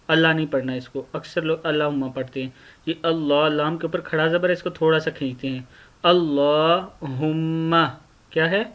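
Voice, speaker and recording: A man with a slightly high, flat voice gives a recitation lesson, sounding out each syllable and repeating it. He speaks slowly and patiently. The recording is dull and lo-fi. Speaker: teacher.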